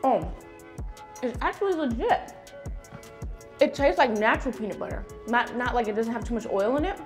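A woman's voice: fairly high pitch, animated, normal speed, faint music behind. A young woman co-hosting a TV cooking show in a studio, bubbly and enthusiastic, laughing often, on a lapel mic. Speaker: co-host. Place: TV studio set with city backdrop.

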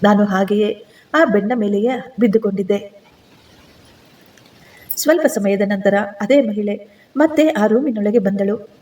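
A woman narrating a dramatic family story in the first person, in a steady, earnest manner. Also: medium pitch.

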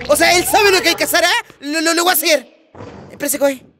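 High-voiced excitable man gaming. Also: a little fast, crowd noise. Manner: excitable, laughs often, shouts at the game. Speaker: gamer. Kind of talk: casual gameplay commentary.

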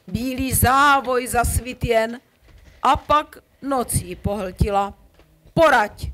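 A woman's voice: a little high, a bit bright, poor audio. A woman playing a lovesick, eager young prince, declaiming poetic verse in a puppet play.

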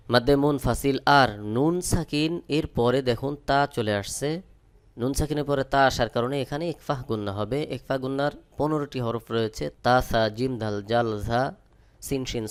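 Smooth-voiced man teaching Quran recitation. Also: mid-range voice. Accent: Bangladeshi Bengali. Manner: slow, drawn-out chanted recitation between plain explanations. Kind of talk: spelling-out Quran recitation lesson.

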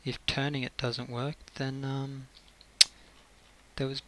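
This gaming video maker talks through his build slowly and casually, muttering thoughts as they come. His fairly bright mid-range voice shows little pitch movement, and faint hiss and clicking run in the background.

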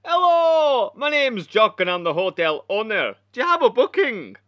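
A man playing a brash hotel owner who puts on a Scottish accent, loud, jolly and leering. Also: very high voice, big pitch swings, moderate pace, no echo, highs cut off. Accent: put-on Scottish.

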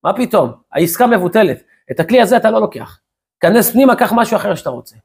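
A man voicing an imperious foreign king who shouts orders in a sermon story. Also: high-pitched, sing-song, vocal fry, breathy edge, full character voice. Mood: commanding.

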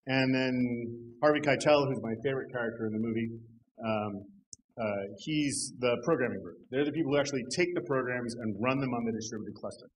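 A man's voice: mid-range voice, fairly quick, slight background noise, rough recording. Middle-aged man giving a dry-humored tech talk. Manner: dry humor, conversational with fillers. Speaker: conference speaker. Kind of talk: technical conference talk. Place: conference hall.

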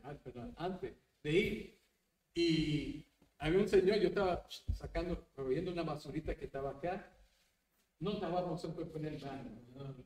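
Animated pastor, roomy distant church sound. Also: male voice, on the high side, normal speed. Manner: animated, mixes English words into Spanish, tag questions. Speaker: pastor leading Bible study. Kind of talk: Bible study teaching.

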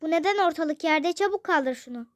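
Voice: high-pitched, expressive, a little fast, no room sound. A child voicing a rude, grumpy father who barks orders in a toy role-play. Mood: grumbling. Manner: gruff, barking orders.

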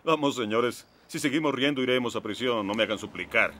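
An actor playing a brisk, commanding middle-aged underworld fixer in a dubbed film, with clipped, dryly sardonic authority. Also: male voice, mid-range voice, a bit bright, natural voice. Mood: stern, sardonic. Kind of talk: dubbed film dialogue in Spanish. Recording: film soundtrack with faint background noise.

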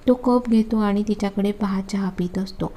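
A woman narrating a romance story in a steady, matter-of-fact reading. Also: medium pitch, moderate pace.

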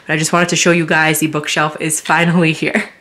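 A woman in her thirties chatting casually as she narrates her cleaning, practical and relaxed. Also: deep voice, a little fast, a little hiss or hum. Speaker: cleaning vlogger.

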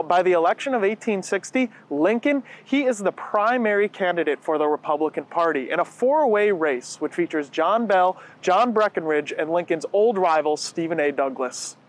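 A man hosting a museum history program, giving scripted narration in a clear, measured presenter's delivery. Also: high-pitched.

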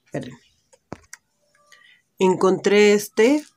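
Mexican beauty vlogger, unhurried and chatty, mid-pitched voice. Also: female voice, big pitch swings, darkish tone. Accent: Mexican Spanish. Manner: chatty, thinks aloud, many fillers. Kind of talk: casual lipstick try-on vlog. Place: indoors at home, natural light.

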